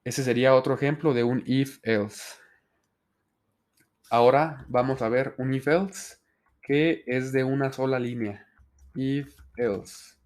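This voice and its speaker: A man's voice: mid-range voice, steady tone, slow, darkish tone. A man explaining programming step by step in a tutorial, with fillers. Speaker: programming instructor. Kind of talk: screen-recorded coding tutorial.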